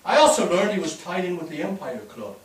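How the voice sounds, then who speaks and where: Heard from a distance on an echoey theatre stage, a man reads the part of a chuckling Irish immigrant reminiscing about his boyhood in a staged play. His high, brisk voice swings in lively, animated storytelling with folksy asides, sounding both amused and indignant.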